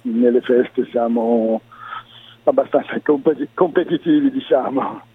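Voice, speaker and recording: A man, a guest on the phone, answering in a measured, deliberate way with some hesitations. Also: medium pitch. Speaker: contrada prior, phone-in guest. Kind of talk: radio phone interview. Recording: husky voice over a narrow phone line.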